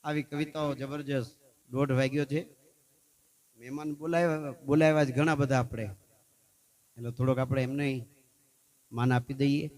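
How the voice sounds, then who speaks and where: A man's voice: mid-range voice, fairly even intonation, moderate pace, long pauses, a little mellow. A man, a folk storyteller at a festival gathering who keeps asking his audience "hey?" as he talks. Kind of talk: folk storytelling with sung verses.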